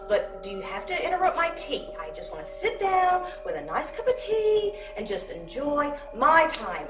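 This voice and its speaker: A woman's voice: high voice, reverberant, distant mic, low-quality recording. An actress playing a haughty young queen who whines petulantly about her tea, in a mockumentary comedy. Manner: petulant, complaining.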